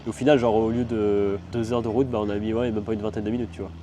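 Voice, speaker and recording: A man's voice: on the low side, flat delivery, fast talker, background noise. A young man telling a travel story in a casual, slangy, rambling way, full of fillers. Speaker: travel vlogger.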